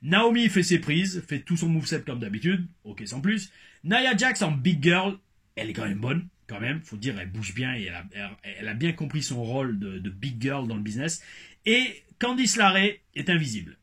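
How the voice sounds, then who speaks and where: A man reviewing wrestling in a casual vlog, a former wrestler talking in an animated, digressive way with emphatic asides. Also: mid-range voice, moderate pace, slightly rough.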